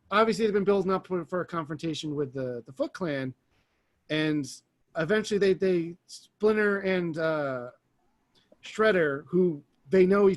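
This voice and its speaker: High-voiced man chatting on a podcast. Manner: rambling, enthusiastic storytelling. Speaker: podcast co-host. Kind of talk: casual chat.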